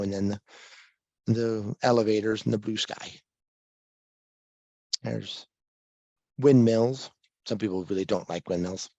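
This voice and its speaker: A guest presenter from Kansas gives an easygoing, self-deprecating slide talk on photography to a live audience in a library meeting room. His voice sits on the low side, and he thinks aloud with small restarts. His handheld or stand microphone pops on plosives, but there's no echo.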